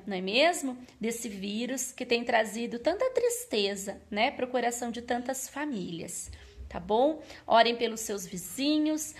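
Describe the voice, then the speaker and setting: A woman who teaches at a children's church service. She tells a Bible story in a sing-song, coaxing way and keeps asking the children questions. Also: fairly high pitch. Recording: very echoey room.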